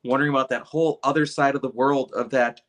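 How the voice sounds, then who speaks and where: This podcast host, a man, is a fast talker with a slightly bright, medium-pitched voice and fairly even intonation. The casual interview with his guest runs long, and his friendly, talkative delivery is full of restarts.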